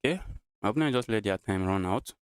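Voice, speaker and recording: A Nigerian man talks through his chess game on a live stream, repeating short phrases as he weighs each move. His voice sits a little low and comes across clean and resonant. The sound is dry, with very little room echo. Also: animated, quick pace, clean tone. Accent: Nigerian English. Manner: thinks aloud, repeats phrases.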